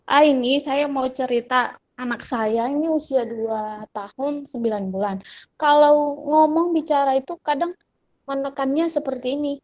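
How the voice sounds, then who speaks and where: A woman's voice: sits high, normal speed, a little mellow. A woman, a parent, telling a casual story over a video call, chatty and respectful. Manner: chatty, addresses speaker as "Bu". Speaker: parent asking a question.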